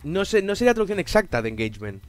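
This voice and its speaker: A man's voice: high-pitched, sing-song, a little mellow, faint music behind. A man with a Catalan accent, a native Catalan speaker, hosting a casual chat on his channel and talking in a joking way, swearing now and then. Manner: fast, joking, swears casually, mixes languages. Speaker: channel host.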